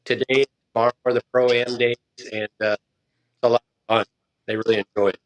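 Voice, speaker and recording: A man's voice: mid-range voice, flat delivery, brisk. A man, a golf coach, talking easily as an interview guest over a phone whose audio keeps cutting in and out. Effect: audio cutting in and out, crackly.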